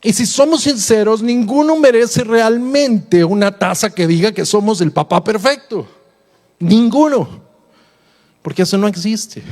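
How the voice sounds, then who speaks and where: A man's voice: sits high, expressive, unhurried, darkish tone. A middle-aged man preaching a sermon as a pastor, conversational and humorous, with many rhetorical questions. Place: church hall. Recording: long church-hall reverb.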